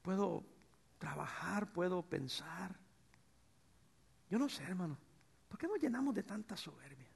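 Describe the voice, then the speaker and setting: A middle-aged man preaching a sermon as pastor, swinging between loud bursts and soft, tender passages. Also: high-pitched, unhurried, vocal fry, long pauses, husky. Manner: animated preacher, swings from shouts to soft tones.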